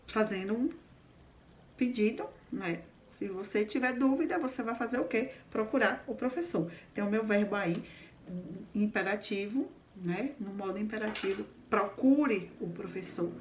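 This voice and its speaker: A woman's voice: mid-range voice, a little hiss or hum. A woman teaching a grammar lesson, explaining step by step and often checking in with the class. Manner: explains patiently, checks in with frequent "certo?".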